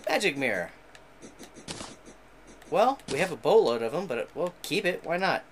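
A man casually narrating his video game play, chatty and rambling, quick to get excited. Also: a little high, a little hiss or hum. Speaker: gaming channel host. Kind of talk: casual let's-play commentary.

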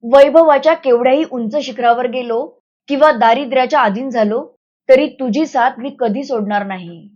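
A strong-willed village man speaks with steady, reassuring firmness, voiced by a woman reading a novel aloud. The voice sits high and carries little real disguise. The recording is slightly dull and lo-fi. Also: moderate pace. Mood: firm, tender.

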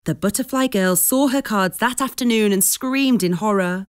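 A woman narrating a children's storybook in a gentle, expressive reading. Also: mid-range voice, normal speed, clear, resonant tone.

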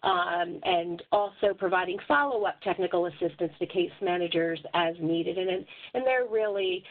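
A woman's voice: lowish voice, moderate pace. A woman giving an informational webinar presentation in a hesitant, explanatory way as its moderator. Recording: muffled, narrow phone-like line.

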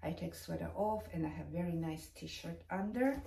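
This fashion vlogger has a low, gravelly, warm voice and talks at normal speed, chatting casually as she presents items. Her camera is a few feet away in a spacious carpeted bedroom, so the recording is distant and echoey with light background noise.

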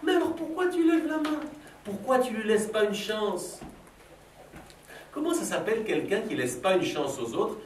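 A middle-aged man who leads philosophy workshops for children questions a school class Socratically, keeping his questions playful, probing and teasing. His high-sitting voice is expressive and moves at normal speed. The audio is roomy and distant, with a faint hum of background noise.

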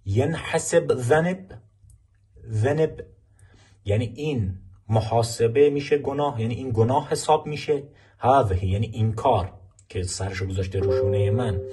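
A man teaching a language lesson, explaining film clips and slowly repeating phrases for learners to practice. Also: medium pitch, warm tone.

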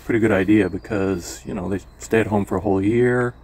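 A man's voice: fairly low pitch, steady tone, brisk, darkish tone, a little hiss or hum. An older man from California telling stories from his life in a rambling way, with many fillers and restarts. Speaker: memoir vlogger. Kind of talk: casual personal storytelling.

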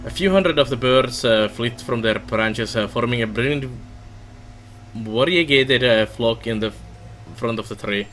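A middle-aged man doing a let's play, reading game text aloud haltingly with casual commentary. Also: medium pitch, fairly bright tone, soft background music. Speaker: gaming let's player.

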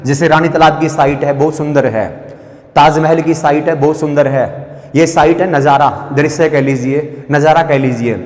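A male teacher giving an exam-prep vocabulary lesson, explaining each word, spelling it letter by letter and asking students if it is clear. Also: fairly high pitch, steady tone, normal speed, a little mellow. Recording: echoey classroom with long reverb.

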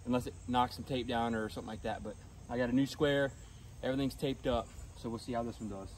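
A man's voice: medium pitch, steady tone, fast talker, slight background noise. Laid-back young man filming outdoors. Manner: laid-back, counts pellets aloud. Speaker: outdoors channel host. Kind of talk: casual shooting range vlog. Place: outdoor shooting range in a grassy field. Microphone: camera mic a few feet away. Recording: distant outdoor camera mic, faint insects.

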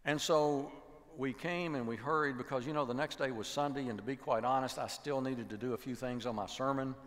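An older man with a mid-range voice preaches fairly quickly in a large church sanctuary, the choir behind him and long hall reverb around him. The pastor tells stories animatedly, acting out the voices in quotes and dropping to a hush at times.

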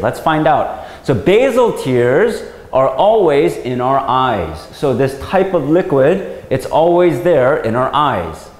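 A man giving a patient science lesson for children, checking often with "right?" as he explains. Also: on the high side. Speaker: English teacher. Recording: roomy recording with long reverb.

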